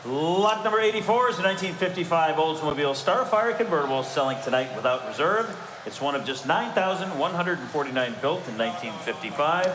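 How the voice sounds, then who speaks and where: A man's voice: a little high, lively intonation, fairly quick, hardly any pauses. A man announcing auction lots, reading out prepared descriptions. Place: large auction hall. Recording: echoey, noisy hall PA.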